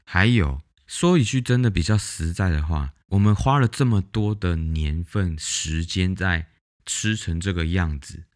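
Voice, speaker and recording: A man with a Taiwanese Mandarin accent, hosting a casual monologue podcast and telling blunt, animated stories. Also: sits low, measured pace. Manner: blunt, animated storytelling that acts out the callers. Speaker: podcast host.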